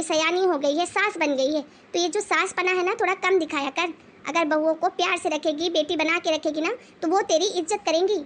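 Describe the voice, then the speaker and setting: A woman voicing a stern, wise old grandmother-in-law who scolds and lectures firmly in an animated moral story. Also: very high voice, a little hiss or hum. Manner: scolding, preachy and firm.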